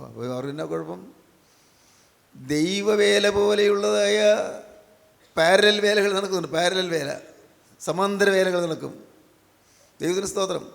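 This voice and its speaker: High, gravelly-voiced preacher man in an echoey hall. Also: unhurried, pauses often. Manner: repeats phrases, preaches with rhetorical questions. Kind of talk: sermon. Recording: echoey hall with long reverb.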